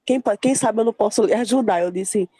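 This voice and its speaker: A young woman tells her faith story in a lively way, playing out the voices in it. Her tone is dark and mellow. The recording is dry and close. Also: mid-range voice, fairly quick, no echo. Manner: lively storytelling, acting out quoted dialogue. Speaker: participant sharing a testimony. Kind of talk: emotional faith testimony in a group call.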